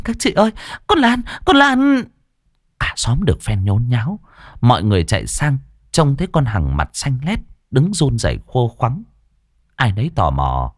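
A man narrating a ghost story in an expressive, dramatic storytelling voice. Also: fairly low pitch, no room sound. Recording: dry close studio voice with music.

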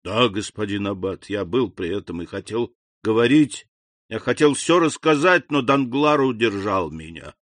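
A man voicing an anxious, remorseful middle-aged innkeeper who pleads in a hurried confession in an audiobook. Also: on the low side, animated, fairly bright tone, no room sound. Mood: guilty. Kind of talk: audiobook character voice.

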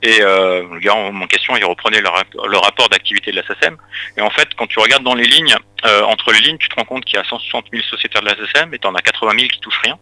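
A man's voice: lowish voice, fast, sharp tone, dry recording, rough recording. A man interviewed on radio as an association president, explaining at length with many hesitations and restarts.

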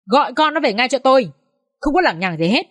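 Enraged shouting dad, harsh insults, pitch up high, woman voicing him in a dry close recording. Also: animated, fairly quick, no room sound. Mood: furious scolding. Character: furious rural father, middle-aged man.

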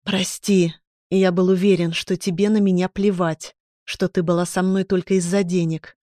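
A woman's voice: on the low side, flat delivery, normal speed, no room sound, clean studio sound, natural voice. A woman reading as a remorseful young lover. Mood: tender, remorseful. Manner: quiet earnest confession. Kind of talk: audiobook character reading.

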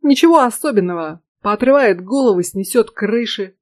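A woman's voice: mid-range voice, animated, normal speed, a little mellow, close to an everyday voice. A woman reading as a reckless, flippant young man. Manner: flippant, cheerful. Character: reckless young man, defiant elder brother.

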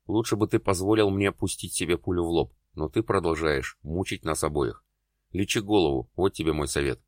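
A man's voice: low voice, a little fast, no echo, clean studio sound, close to an everyday voice. Man reading a hurt, bitter young man. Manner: bitter, pleading. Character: hurt, desperate young man confronting his lover.

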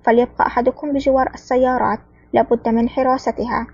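A woman's voice: fairly high pitch, flat delivery, quick pace, creaky, a little mellow, breathy edge, no room sound, lo-fi sound. A woman reading the lines of a sly, mocking male mafia lieutenant in an audiobook. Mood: alarmed. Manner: sneering, later panicked.

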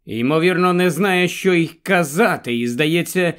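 A man narrating a story aloud in a measured, unhurried way. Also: on the high side, a bit bright, clear, resonant tone. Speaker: audiobook narrator. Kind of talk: scripted narration.

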